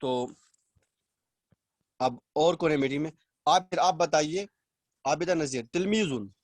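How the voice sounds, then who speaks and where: A man teaching a language class over a video call, explaining slowly, repeating words and quizzing his students. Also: on the high side, no room sound, clean studio sound. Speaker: Arabic teacher. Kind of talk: online class lecture.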